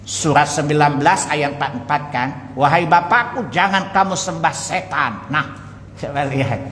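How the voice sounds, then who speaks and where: A man's voice: on the high side, moderate pace, a little hiss or hum. A man preaching a sermon, telling stories with acted-out dialogue and asking his listeners questions. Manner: lively storytelling, asks the audience questions, acts out dialogue. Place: mosque hall. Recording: echoey mosque hall.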